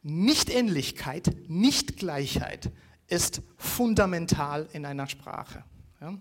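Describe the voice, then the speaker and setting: Hesitant lecturing man. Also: on the high side. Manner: hesitant, many fillers, rhetorical "ja?" checks. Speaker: university lecturer.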